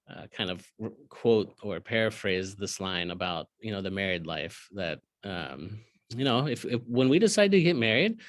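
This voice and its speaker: Man, priest type, Bible study leader; animated pitch, dry close sound, frequent throat-clearing. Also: dry recording. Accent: Southern American. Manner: reads verses then explains casually, clears throat often. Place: cathedral.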